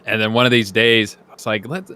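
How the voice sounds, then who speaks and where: A young adult man, a guest on a casual live chat, telling his story in a relaxed, easygoing way. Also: fairly low pitch, brisk, clear, resonant tone.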